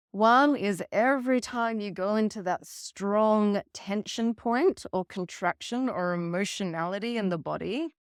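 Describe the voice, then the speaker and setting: Slow, deliberate woman coach. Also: mid-range voice, clear, resonant tone, no echo, clean studio sound. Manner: earnest, slow and deliberate, acts out quoted voices, swears casually. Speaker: relationship coach. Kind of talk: teaching talk on emotional self-care.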